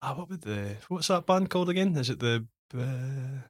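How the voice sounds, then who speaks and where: A man's voice: medium pitch, lively intonation, moderate pace. A man, co-hosting a casual podcast chat, joking and laughing often. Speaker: podcast co-host.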